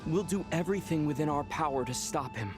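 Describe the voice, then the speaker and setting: An actor playing an earnest, determined young hero in a video game. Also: male voice, a little high, lively intonation, brisk, natural voice. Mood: earnest, reassuring. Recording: loud game music underneath.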